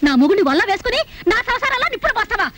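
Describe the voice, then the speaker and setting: An actress playing a fierce, devoted middle-class wife in an old film drama, scolding sharply or pleading through tears. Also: female voice, extremely high pitch, very animated, rapid-fire, sharp tone, slight background noise, full character voice. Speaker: wife searching for her husband. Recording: film soundtrack with music underneath.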